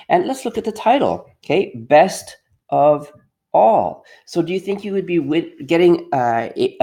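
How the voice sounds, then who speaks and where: A middle-aged man leads an interactive read-aloud for young children as their teacher, encouraging them and repeating his questions. His voice is on the high side and a little mellow. He's in a quiet workshop at home.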